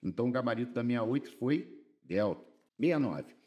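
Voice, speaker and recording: A Brazilian man with a lively, swooping voice runs an informal exam-prep grammar lesson. He reads each example sentence slowly and pointedly, then explains it in quick, slangy asides. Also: mid-range voice, dull audio. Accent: Brazilian Portuguese.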